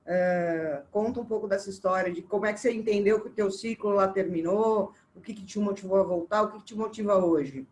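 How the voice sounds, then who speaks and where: A woman's voice: mid-range voice, fairly quick, hardly any pauses, a little mellow, a little hiss or hum. A woman with a Brazilian Portuguese accent hosting a casual interview, asking encouraging questions. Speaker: interview host.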